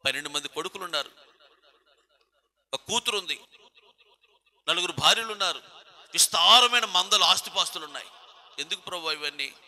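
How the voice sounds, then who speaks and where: A man's voice: sits high, lively intonation, brisk, vocal fry, pauses often, sharp tone. A man preaching a sermon with a Telugu accent, emphatic and repetitive, firing rhetorical questions and calling on listeners by name. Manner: addresses congregation members by name. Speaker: pastor.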